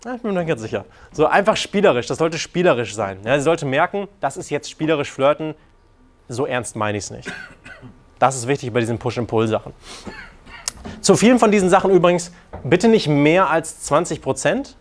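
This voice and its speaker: A man giving casual dating advice, animated and crude, acting out quoted lines and joking frankly. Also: on the high side, moderate pace, slight background noise. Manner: animated, acts out quoted lines in put-on voices. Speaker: dating coach. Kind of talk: casual coaching talk.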